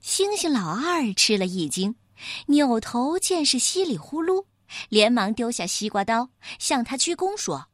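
A woman narrating a children's storybook in a slow, expressive storytelling manner. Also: fairly high pitch, no echo, clean studio sound.

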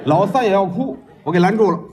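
A man leads a xiangsheng crosstalk routine in a high voice that swoops up and down. He rattles off long, rhythmic patter lists and acts out scenes, mimicking the sounds himself. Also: animated, fast talker, a little mellow, a faint crowd, slight background noise. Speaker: lead comic in crosstalk.

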